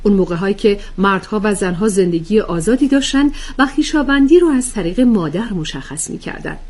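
A woman's voice: mid-range voice, expressive, darkish tone, voice pushed up, close to an everyday voice. A woman voicing an earnest woman who explains things patiently to her friends. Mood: explaining. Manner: explanatory, lecturing.

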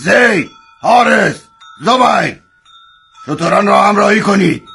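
A man's voice: high-pitched, gravelly, sharp tone, husky, voice pushed up, exaggerated voice. A man voicing a menacing male bandit chief who barks orders and threatens in a strained, raised voice. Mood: commanding.

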